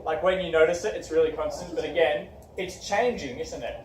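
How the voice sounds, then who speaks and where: A man's voice: on the high side, fairly quick. A young male teacher leading a classroom discussion, asking questions and encouraging his students. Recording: echoey room from far off, faint background noise.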